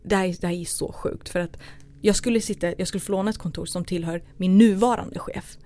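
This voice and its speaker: A Swedish woman in her thirties talks as an interview guest, with a voice that sits a little low. She tells her stories in a lively way and acts out the quoted dialogue as she goes. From Sweden. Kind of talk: casual interview storytelling.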